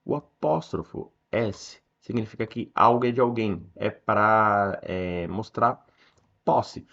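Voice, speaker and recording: A man with a Brazilian accent teaching English, explaining a text line by line and reading the English sentences slowly. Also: on the low side, fairly bright tone, dull audio. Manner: slows down to read English sentences aloud.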